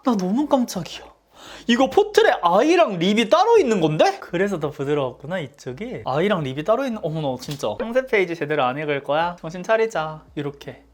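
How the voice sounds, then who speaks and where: Animated, chatty Korean-speaking beauty vlogger. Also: medium pitch. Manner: chatty, talks to self, frequent surprised exclamations. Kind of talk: casual makeup tutorial chat.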